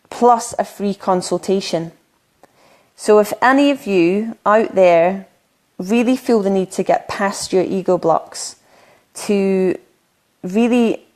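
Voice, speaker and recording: A middle-aged British spiritual coach talks earnestly on a solo live stream, restarting often and saying "um" a lot. Her medium-pitched voice is a little mellow and slightly croaky from so much talking.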